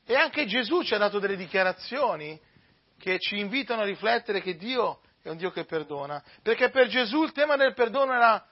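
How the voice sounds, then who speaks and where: A man preaching a sermon and reading scripture aloud, speaking emphatically with swells and drops in loudness. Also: high-pitched, lively intonation, a little fast, slightly rough. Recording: dull lo-fi recording.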